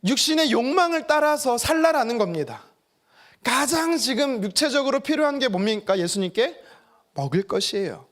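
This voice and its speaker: High-voiced male pastor preaching. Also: normal speed. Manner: lively, acts out quoted voices, joking asides. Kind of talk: sermon. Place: church sanctuary.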